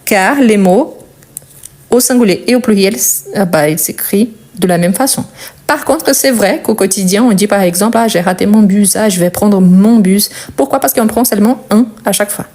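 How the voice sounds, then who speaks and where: A woman's voice: mid-range voice, a little mellow. A young woman teaching French grammar, with Portuguese as her first language, explaining step by step and repeating key words. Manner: patient, explains step by step with pauses and repetition. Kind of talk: grammar lesson.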